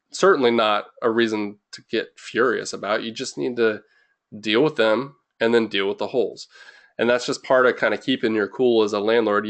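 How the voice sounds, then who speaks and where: A young man hosting a webinar in an informal, rambling way, full of fillers and restarts, a little jittery from too much caffeine. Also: on the low side. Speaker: webinar host.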